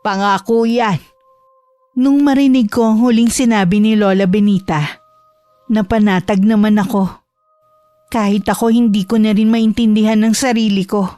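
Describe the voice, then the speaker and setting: A woman's voice: medium pitch, steady tone, normal speed, warm tone, no room sound, faint music behind. Woman narrating a horror story.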